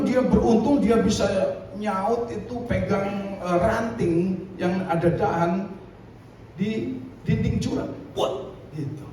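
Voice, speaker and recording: A man preaching a sermon in a lively, conversational way with frequent asides to the congregation. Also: high-pitched. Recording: echoey room, distant mic, faint noise.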